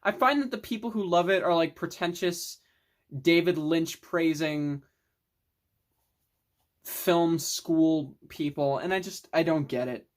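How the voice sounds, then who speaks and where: A young adult who collects films reviews favorite titles loosely and slowly, in a middle-pitched voice. The talk is enthusiastic and meandering, peppered with mild profanity.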